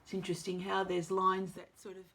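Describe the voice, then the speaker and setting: A woman actress talking to camera at home in a halting, musing way, full of fillers. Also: medium pitch, completely flat delivery, vocal fry, fairly bright tone. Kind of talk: reflective casual monologue.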